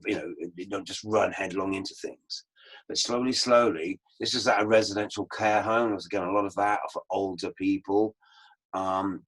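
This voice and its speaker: A man with a somewhat low voice gives an online lecture over his slides. He tells his stories in an unhurried, anecdotal way, as a teacher sharing field experience. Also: a bit bright, slightly rough, rough recording. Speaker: permaculture teacher.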